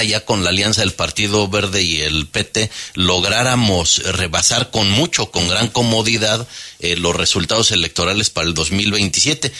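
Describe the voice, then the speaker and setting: A Mexican man on a radio political panel speaking with confidence. His voice sits somewhat low yet sounds bright. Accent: Mexican Spanish. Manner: confident, partisan forecasting.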